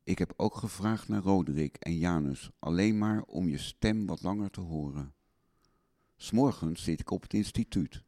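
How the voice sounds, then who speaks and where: A man's voice: low voice, normal speed, warm tone. A young man recording a spoken letter on tape for his wife, tender, longing and melancholy.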